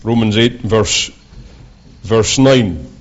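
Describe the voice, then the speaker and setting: A Scottish preacher with a thick, broad accent and a fairly low voice. He delivers his sermon in measured, halting phrases. The recording sounds dull and a little lo-fi. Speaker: visiting preacher. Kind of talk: sermon with scripture readings.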